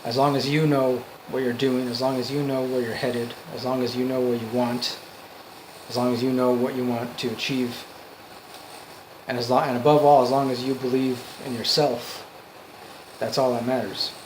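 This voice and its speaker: An amateur motivational speaker delivers an off-the-cuff monologue in a mid-range voice with flat delivery over background noise. He's earnest and emphatic, speaking in halting phrases that he repeats for emphasis.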